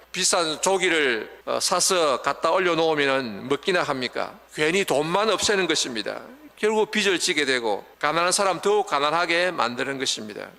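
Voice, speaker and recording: An older man delivers a Sunday sermon with a bright, forceful voice that has a gravelly edge. He preaches in earnest, explanatory tones, and the church hall gives his words a long reverb. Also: fairly high pitch. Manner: earnest preaching, acting out wailing mourners. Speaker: pastor. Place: church sanctuary.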